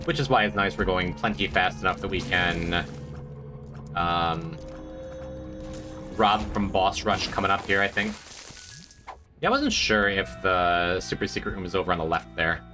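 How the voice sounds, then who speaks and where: Pausing often, a man speaks at a moderate pace with fairly even intonation over music, chatting casually about his gameplay to viewers. His stuffy voice wanders through self-mocking rambles broken up by high, squeaky jokes.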